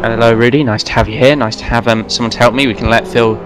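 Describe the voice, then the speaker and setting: A man giving fast, running play-by-play commentary on a sim race, now and then correcting himself. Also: medium pitch, fairly even intonation. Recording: race car engine noise behind voice. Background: racing car engines.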